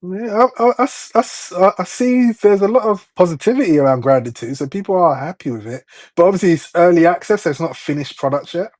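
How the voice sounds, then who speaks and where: A man's voice: high voice, lively intonation, brisk, hardly any pauses, darkish tone. A young man hosting a gaming podcast, chatting in an easygoing way with frequent chuckles. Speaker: podcast host. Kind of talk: casual chat.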